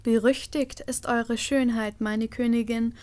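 A woman reading a storybook voices a male magic mirror spirit bound by an oath, speaking slowly and formally. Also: a little high, fairly even intonation, a little mellow, no room sound, lightly acted. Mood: solemn. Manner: slow, measured and formal.

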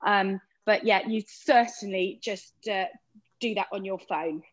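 A woman's voice: medium pitch, measured pace, rough recording. A woman giving a live cooking demo over a video call from a kitchen, chatty and explaining step by step. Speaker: cooking appliance demonstrator.

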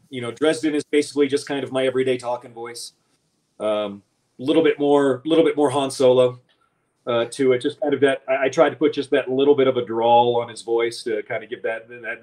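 Guy author on a livestream, mid pitch, laughs a lot, keeps restarting his sentences. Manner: animated, chuckling, many restarts. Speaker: author and guest. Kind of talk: casual livestream chat.

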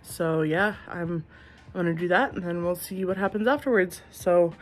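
A woman around her thirties talking in a casual, halting, informal way, as a vlogger. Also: lowish voice. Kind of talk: casual vlog chat.

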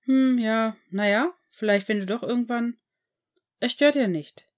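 A woman voicing an eager, pushy teenage boy wizard who speaks quickly and a little awkwardly in a fan-fiction audiobook. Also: a little high, expressive, darkish tone, lightly acted.

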